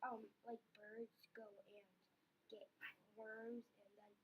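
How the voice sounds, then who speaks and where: Female student, hesitant and very slow, fairly high voice. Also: flat delivery, dull audio. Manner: short hesitant answers. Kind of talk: classroom answers. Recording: distant mic with faint room noise.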